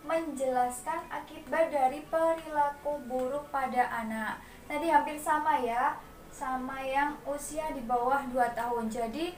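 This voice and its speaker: High-voiced woman leading a class. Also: fairly bright tone, a little hiss or hum. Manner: leads group clap chants with the mothers; explains step by step, addresses the group as mothers. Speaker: parenting class facilitator. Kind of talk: classroom training session. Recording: echoey room, distant mic, faint background ambience.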